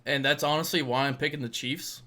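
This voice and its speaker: A man's voice: on the high side, fairly even intonation, a little fast, pushed and bright. An American man co-hosting a podcast, chatting about sports in a laid-back, colloquial way with casual swearing.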